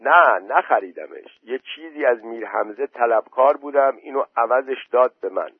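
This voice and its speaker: A man's voice: medium pitch, lively intonation, husky, no echo. A man voicing a stubborn village man who refuses everyone, recorded dry through a phone-like line. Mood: defiant. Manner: defiant, stubborn. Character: stubborn young village man, fond of a dog.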